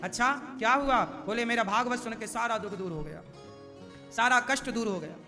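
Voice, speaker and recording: A man delivers a devotional sermon in a strikingly high voice, chanting scripture verses and breaking into chatty asides to the audience. The voice carries a long echo in a large hall, with music clearly audible behind him. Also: normal speed, sharp tone. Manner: sing-song recitation of Sanskrit verses mixed with conversational asides to the audience. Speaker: preacher telling a scripture story.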